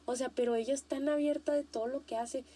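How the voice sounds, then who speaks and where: A young Mexican woman chats casually on her podcast, high-pitched yet with a mellow, darkish tone. She talks in an animated, slangy way, often repeating a point for emphasis. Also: fast talker, breathy edge. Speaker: podcast host.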